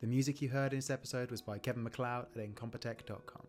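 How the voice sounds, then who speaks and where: Brisk man reading a podcast plug. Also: medium pitch, little pitch movement, darkish tone, faint music behind. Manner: brisk promotional read. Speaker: podcast host. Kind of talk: scripted announcement.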